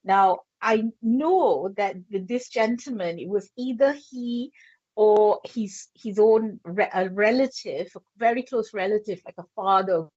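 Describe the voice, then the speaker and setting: Live on air, a Yorkshire-accented psychic medium gives a reading slowly and hesitantly, pausing on fillers as she thinks aloud. Her voice is mid-range with a darkish tone. The recording is dry and slightly dull, with no room sound.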